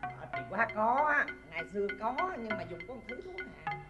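A woman's voice: on the high side, expressive, brisk, highs cut off, over loud music, lightly acted. A woman playing a fussy, picky older mother in a comedy sketch, scolding her son in an exaggerated, nagging way with a Southern Vietnamese accent.

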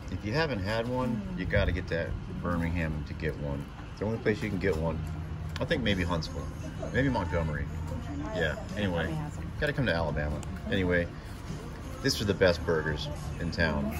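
A man's voice: sits low, normal speed, long pauses. A man, chatting casually to his phone camera outdoors, rambling with fillers. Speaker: hiker vlogger. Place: outdoors in parking lots and streets. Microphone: phone at arm's length. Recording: noisy outdoor phone recording.

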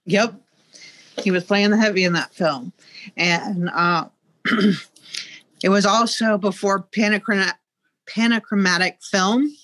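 Middle-aged woman museum guide, bright voice, lots of ums, dry webcam sound. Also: mid-range voice, steady tone, measured pace, pauses often, no echo. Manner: knowledgeable, hesitant with frequent ums. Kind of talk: video call interview. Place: museum exhibit room, indoors. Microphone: video call, webcam.

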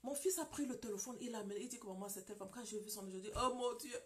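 A woman's voice: on the high side, racing. A woman pastor giving an emphatic sermon testimony, telling a story with acted quotes and at times dropping to a whisper. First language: French-speaking, broken English. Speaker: pastor and marriage counselor.

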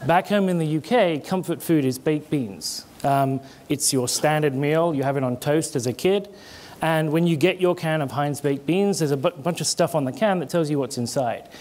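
This conference presenter is a middle-aged man from Britain, speaking on stage into a headset mic with a British accent that has an American twang. His slightly high voice has a darkish tone, and his conversational delivery includes explanatory gestures and restarted words.

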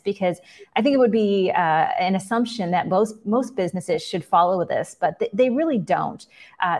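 A woman in her forties moderates a virtual fireside chat and leads with friendly, well-paced questions. Her voice is on the low side, with an occasional filler. She comes through a video call. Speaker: interviewer, moderator.

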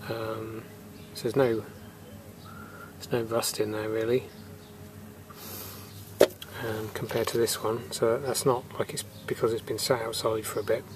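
A man's voice: fairly low pitch, little pitch movement, a little slow, pauses often, noisy background. A man, a refrigeration technician, casually talks through what he is showing, thinking aloud with fillers in a matter-of-fact way, recorded outdoors on a camera mic. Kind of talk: casual hands-on narration. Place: outdoors in a yard.

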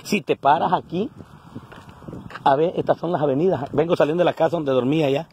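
Speaking a little fast in a voice on the high side with a darkish tone, a man in his forties vlogs casually to his phone camera at arm's length. His coastal Guerrero Mexican accent colors his earthy, salty chatter as he moves from indoors in a house to outdoors by a road, with slight background noise.

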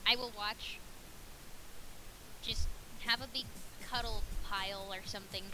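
A woman's voice: medium pitch, fairly even intonation, a little slow, background noise. A woman teasing her friends and swearing playfully in casual chat while gaming. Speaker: gamer.

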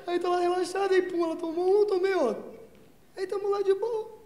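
A young man doing a stand-up comedy set, slangy and profane, bursting into shouts. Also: very high-pitched, steady tone, a little fast. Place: comedy stage before a live audience. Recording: roomy live club with crowd laughter.

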